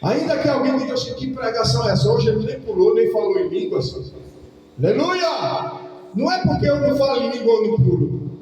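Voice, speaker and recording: A pastor preaching a lively sermon to his congregation, swinging between loud calls and quiet asides. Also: very high voice, fast, a little hiss or hum. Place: church hall. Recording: echoey hall, distant mic, faint music.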